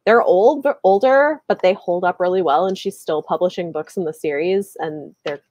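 This woman, a book channel host in her thirties, keeps her voice on the low side with a darkish tone and a moderate pace. Earbuds on a live video call give a dry, lo-fi sound as she chats casually about books in a small room with bookshelves, hedging and often saying "like."

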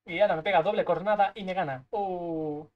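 A young man from Spain with a Spanish accent, giving live gameplay commentary, excitable and swearing, muttering to himself as he plays. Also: sits high, fairly quick, phone-quality sound. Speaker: streamer.

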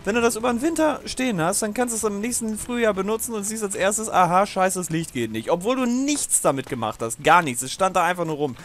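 Chatty, higher-voiced man playing a game. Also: very animated, quick pace, hardly any pauses, fairly bright tone, a little hiss or hum. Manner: chatty, digressive, swearing, laughing often. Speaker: let's play host. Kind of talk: casual gaming commentary.

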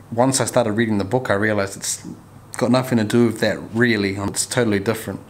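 A barber vlogger in his 30s talks casually to camera in a small, bare barbershop room, laid-back and slangy and often repeating his phrases. His voice is fairly low, picked up by a camera mic at arm's length or nearby, with clear background noise and room ambience.

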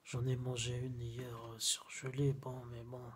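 A man's voice: mid-range voice, monotone, a little slow. A man in his thirties rambling in a casual food-review vlog. He talks in slang and keeps repeating himself, filmed on a phone. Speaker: vlogger. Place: small room at home, then a busy fast-food restaurant. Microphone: phone camera at arm's length, then propped on a table.

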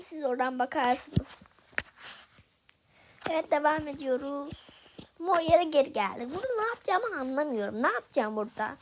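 A woman's voice: high voice, noisy background. A young woman giving casual gameplay commentary, talking to viewers and getting frustrated at a hard level. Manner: frustrated, talks to viewers while playing. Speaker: gaming video creator.

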